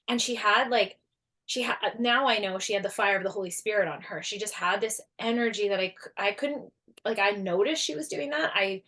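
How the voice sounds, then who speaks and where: A woman telling a personal story as a guest in a casual interview, animated and full of fillers, acting out what people said. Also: medium pitch. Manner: animated, acts out quoted voices, many fillers. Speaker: guest, energy healer and coach.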